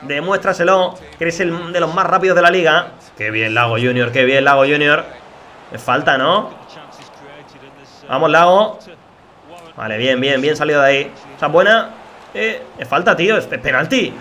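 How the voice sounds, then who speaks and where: A young man from Spain commenting on his football video game as he plays, talking to viewers and reacting loudly to the match. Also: on the high side, moderate pace, long pauses. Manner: excitable, talks to viewers as chavales and familia, reacts loudly to plays. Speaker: gaming YouTuber. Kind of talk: live gameplay commentary.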